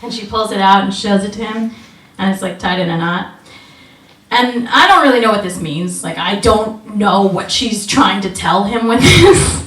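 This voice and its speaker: A young woman performing a stand-up set at a small club, with a slow deadpan delivery full of ums and little chuckles. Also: mid-range voice. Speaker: stand-up comedian. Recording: roomy echo from a distance.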